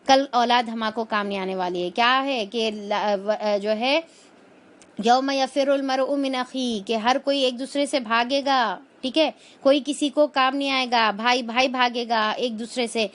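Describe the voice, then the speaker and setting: A woman leads a religious lesson in a voice that sits a little high. She explains each point patiently, circling back with filler phrases and simple everyday examples. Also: fairly bright tone. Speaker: Quran teacher.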